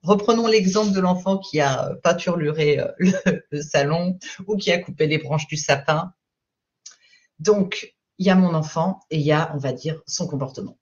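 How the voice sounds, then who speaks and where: Speaking in a deep voice at a moderate pace, a female parenting coach leads a live stream with calm, patient explanations. She keeps checking in with her audience, and the sound is lo-fi.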